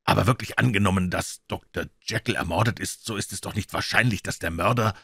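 A sober, skeptical lawyer weighs his words in a low, measured voice, as a male reader plays him. The storybook reading sounds close and dry. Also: creaky, bright, forceful tone, husky, dry recording, full character voice. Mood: doubtful. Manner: measured, doubtful.

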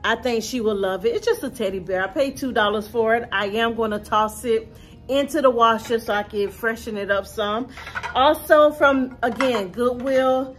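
Chatty woman, higher voice. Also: moderate pace, soft background music. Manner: chatty, addresses viewers as y'all. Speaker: thrift haul vlogger. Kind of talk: casual haul vlog to camera. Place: living room at home.

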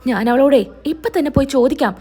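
A woman's voice: high voice, fast, mellow, lightly acted. A woman voicing a hot-headed young man who presses with indignant questions in defense of his sister-in-law.

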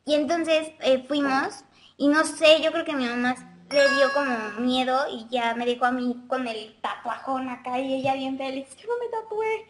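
A woman's voice: sits high, steady tone, moderate pace. A woman with a childlike, girlish voice, chatting casually on a webcam live stream and answering viewer questions. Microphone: webcam mic.

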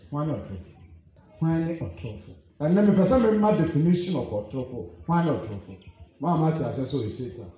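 In an echoey church hall, a pastor from Ghana preaches a sermon in a mellow, mid-range voice. He hammers the congregation with rhetorical questions and mixes English with Twi.

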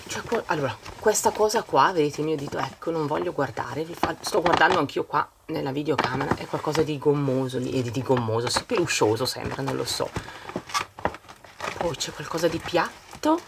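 A woman's voice: low-pitched, normal speed, creaky. A woman vlogging casually at her desk, chatting to viewers as she decorates her planner and opens a surprise bag. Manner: chatty, talks to viewers while working with hands. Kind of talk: casual planner vlog with unboxing. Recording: home recording with background noise and clicks.

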